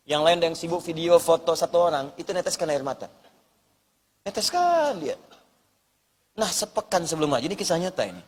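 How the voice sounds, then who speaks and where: High-voiced preacher in a reverberant hall. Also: male voice, big pitch swings, fairly quick, long pauses, slightly rough. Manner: repeats words for emphasis, tells stories with quoted dialogue. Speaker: Islamic preacher. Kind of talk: sermon on preparing for hajj.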